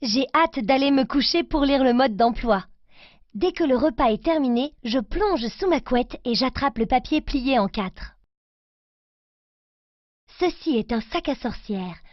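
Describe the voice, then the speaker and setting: Lady reading a kids story nice and slow, high voice, kinda dull lo-fi audio. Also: expressive, no room sound. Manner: slow clear careful reading for children.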